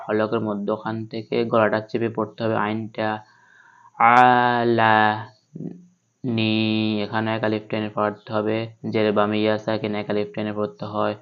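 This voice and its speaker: Male recitation teacher, slow and monotone, breaks words into spelled letters. Smooth voice, muffled lo-fi take. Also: on the low side. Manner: spells letters and vowel marks step by step, then recites slowly. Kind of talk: online spelling-based recitation lesson.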